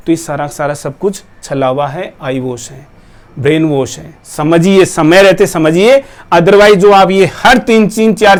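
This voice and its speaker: Male coaching teacher, high-pitched voice, forceful rhetorical lecture to students. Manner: forceful, rhetorical, addresses viewers directly. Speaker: nursing exam coaching teacher. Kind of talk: persuasive talk to students.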